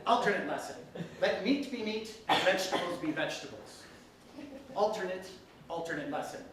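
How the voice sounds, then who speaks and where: A storyteller performs scripted comic fairytales live before an audience, delivering them theatrically and often breaking into laughter and asides. The medium-pitched voice is animated and a bit bright at a moderate pace, captured by a distant mic in an echoey room with background noise.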